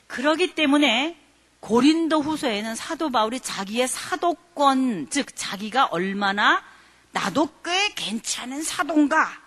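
A woman's voice: fairly high pitch, sharp tone. A woman giving a Bible study lecture, explaining scripture conversationally and asking her listeners rhetorical questions.

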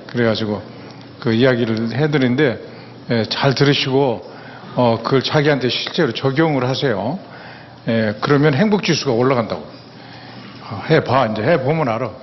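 A man's voice: on the high side, a little hiss or hum. Brief: male lecturer in a lecture hall, folksy and plain-spoken, long hall reverb, muffled recording. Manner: folksy, plain-spoken, with frequent affirming "yes" fillers. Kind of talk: public lecture on mental health.

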